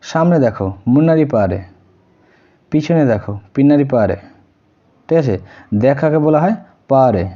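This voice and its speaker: A man with a Bengali accent teaches vocabulary in a relaxed, conversational way, repeating each word and often asking whether the listener has followed. His voice sits at a middle pitch. The recording is muffled and lo-fi. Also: a little slow, pauses often. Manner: repeats words, checks understanding with frequent tag questions. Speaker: language teacher. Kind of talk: casual spoken lesson.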